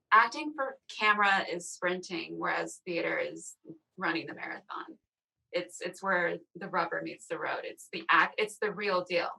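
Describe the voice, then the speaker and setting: A woman actor speaking thoughtfully on a video-call panel, pausing and searching for her words. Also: lowish voice, vocal fry, sharp tone, poor audio. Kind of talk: reflective casual panel talk.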